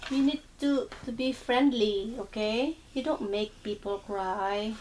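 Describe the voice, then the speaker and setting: High-voiced mother talking slowly to her toddler. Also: darkish tone. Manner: simple, patient talk to a small child. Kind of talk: casual home video play. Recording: home video with noise.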